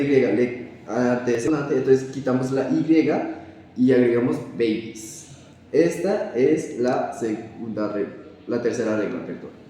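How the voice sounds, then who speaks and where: A young man explaining English plural rules in a classroom style, halting and correcting himself as he goes. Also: mid-range voice, mellow. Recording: echoey room, voice far from the mic.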